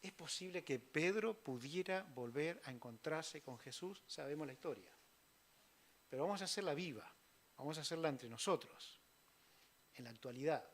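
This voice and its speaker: A man preaches in a church, his voice sitting a little high for a man. He throws himself into quoted lines with sudden loud bursts, then sinks to soft, almost whispered asides. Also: expressive, moderate pace. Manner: swings from loud acted quotes to hushed near-whispers. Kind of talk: sermon.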